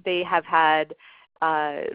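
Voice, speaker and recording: A woman presents a fundraising webinar in a casual, conversational style with lots of fillers. Her voice is low-pitched, clear, and resonant, her delivery flat and slow. The audio is dull, lo-fi, and dry, typical of a webinar.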